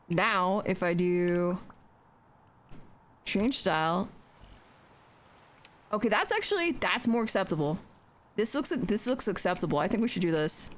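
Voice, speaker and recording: A young adult woman streamer chatting casually while building in a game, joking, swearing freely and talking to herself. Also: mid-range voice.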